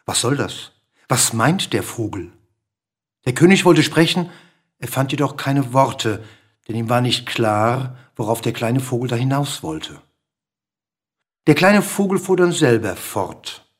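A man narrating a story aloud in an expressive, lively reading manner. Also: medium pitch, a little slow, slightly rough.

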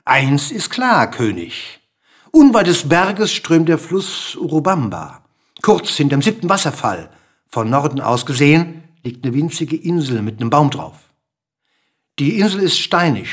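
A man voicing a small grey bird in a storybook reading, with a hoarse, hissing, bossy manner. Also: on the high side, very animated, a little slow, full character voice. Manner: insistent, lecturing, bossy.

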